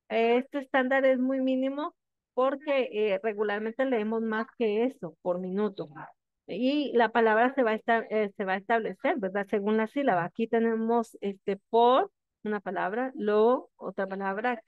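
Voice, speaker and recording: A woman's voice: a little high, dry recording. A woman teacher giving a lesson to her students, explaining steps patiently and often checking that they follow. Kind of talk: classroom lecture. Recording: dry, tinny phone-like sound.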